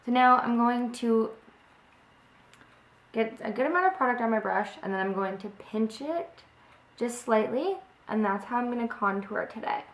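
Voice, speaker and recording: With lively intonation and a moderate pace, this young beauty vlogger speaks in a higher voice that sounds a bit off because she's slightly sick. She chats casually through a makeup tutorial, using frequent ums. A close webcam films her indoors in her home kitchen near a window, where the room sound echoes.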